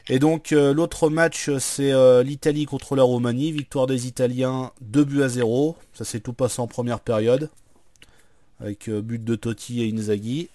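A man hosting a casual football podcast, recapping in a hesitant, halting way with lots of conversational tags. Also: medium pitch, steady tone, dark tone, no room sound. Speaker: podcast host. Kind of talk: casual chat recapping retro football matches.

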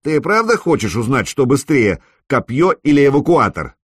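A man's voice: medium pitch, big pitch swings, moderate pace, husky, dry recording, studio quality, voice pushed up. A man voicing a brash young male warrior who mocks and commands his foes. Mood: taunting. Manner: taunting, proclaiming, loud.

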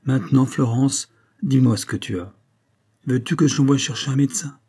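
A man's voice: mid-range voice, moderate pace, a little mellow, slightly rough, pitched above the performer's own voice, lightly acted. A man reading an audiobook voices a proud young woman who brushes off worries. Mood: gentle.

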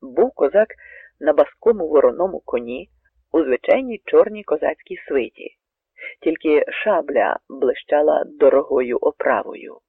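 A man narrating a dramatic story, swinging between hushed passages and emphatic lines. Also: fairly high pitch, expressive, moderate pace, creaky, husky, dry recording. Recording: narrow tinny radio recording, dry.

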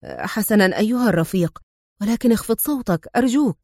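A woman's voice: mid-range voice, lively intonation, fast talker, dark tone, dry recording, clean studio sound. A woman doing a jittery, cowardly male inspector. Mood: pleading. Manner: jittery, pleading and fearful.

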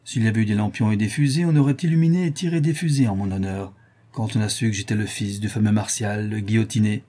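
A man's voice: on the low side, fast, dark tone, lightly acted. A man reading an audiobook and voicing a sardonic young male criminal who taunts and wheedles. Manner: taunting, sing-song and wheedling. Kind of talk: audiobook character voice.

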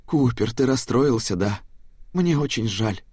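A man voicing a kind elderly grandmother in an audiobook, speaking in a soft, pleading, worried way. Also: mid-range voice, animated, measured pace, breathy edge, no echo, clean studio sound. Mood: gentle. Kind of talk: audiobook character voice.

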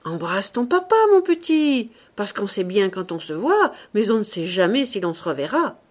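A woman reading the part of a coarse, sneering old uncle in an audiobook, talking loudly and familiarly. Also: mid-range voice, big pitch swings, normal speed. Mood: coaxing. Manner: loud and scolding.

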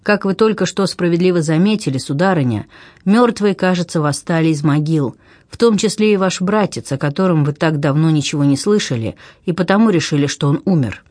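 A man's voice: a little high, brisk, darkish tone, no echo, lightly acted. A man reading an audiobook, voicing a bitter sea captain who pleads his case earnestly and insistently. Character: bitter middle-aged male sea captain.

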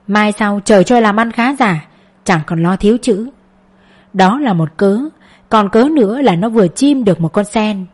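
A woman narrating a novel in a steady, even reading voice. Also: mid-range voice. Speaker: audiobook narrator. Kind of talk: storybook narration.

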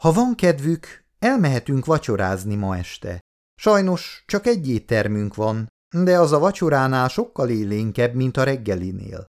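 A man's voice: medium pitch, very animated. A man voicing a playful, flirty woman. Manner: playful, teasing. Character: friendly, flirtatious adult woman. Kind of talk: audiobook dialogue.

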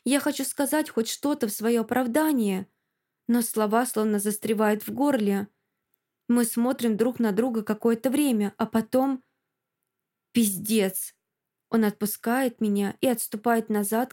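Woman audiobook narrator, first-person, expressive, slightly high voice. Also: moderate pace.

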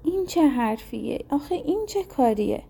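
A woman's voice: high voice, very animated, gravelly, dark tone, full character voice. A woman voicing a poor fisherman, anxious and bewildered by impossible demands. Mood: worried. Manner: anxious, complaining.

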